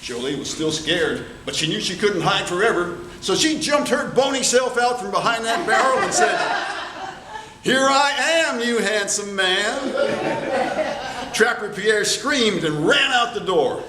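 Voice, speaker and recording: A man telling a tall tale as a contest storyteller, theatrical and deliberate, with dramatic pauses. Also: high-pitched, animated, over a noisy crowd. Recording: distant, echoey room with background noise.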